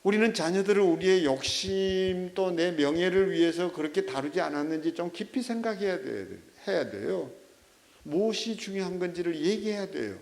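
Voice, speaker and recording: A middle-aged male pastor delivering a sermon in a fairly high voice. His pitch swings widely as he tells stories with animation, turning to check in with his listeners through quick rhetorical questions. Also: animated, creaky.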